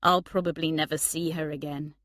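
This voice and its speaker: A woman's voice: low-pitched, a little fast, no room sound, studio quality. Woman reading as an indifferent young man. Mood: flat. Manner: flat, uninterested.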